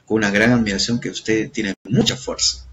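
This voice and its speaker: A man's voice: lowish voice, fairly even intonation, normal speed, fairly bright tone, close to an everyday voice. A big, skeptical hippopotamus in a spoken fable, scoffing at a small challenger, played by a man. Its tone is incredulous and offhand.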